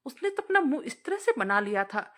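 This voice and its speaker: Lady reading a moral story, expressive and preachy, highish voice, swings up and down a lot. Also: a little fast. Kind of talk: scripted story narration.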